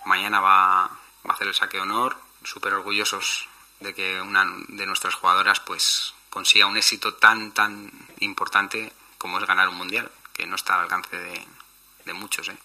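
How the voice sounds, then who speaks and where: Deep, bright-toned football coach. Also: male voice, rough recording. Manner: proud, earnest. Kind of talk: recorded congratulation message.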